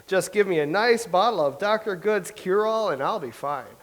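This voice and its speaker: With poor audio, an actor plays a nervous, vain playwright in a comedy reading, rambling and wallowing in self-pity. His voice is high, animated, and a bit bright, at a moderate pace.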